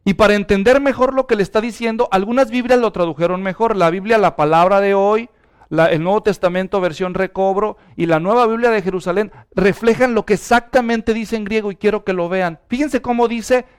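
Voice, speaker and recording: A man preaching an animated sermon and calling on the congregation to answer aloud. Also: high-pitched, a little fast, clean tone. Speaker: pastor.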